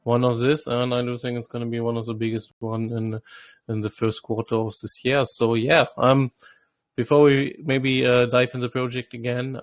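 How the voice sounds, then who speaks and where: Man, host, casual upbeat interviewing, level flat delivery, dry sound. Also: mid-range voice, no echo. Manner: upbeat, promotional. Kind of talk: casual online interview hosting.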